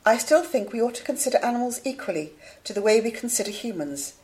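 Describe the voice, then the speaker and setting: A woman playing a composed academic in a scripted debate, formal and measured. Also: a little high, animated, darkish tone, lightly acted. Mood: composed, reasoning. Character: composed female academic debater defending animal equality. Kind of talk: scripted studio debate for a listening exam.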